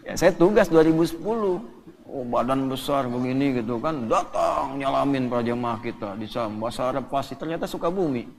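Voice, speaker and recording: Male preacher from Indonesia, animated and humorous, recorded in a reverberant hall. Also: mid-range voice, a little fast, vocal fry, a little hiss or hum. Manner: lively and joking, quoting Arabic scripture. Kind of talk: sermon.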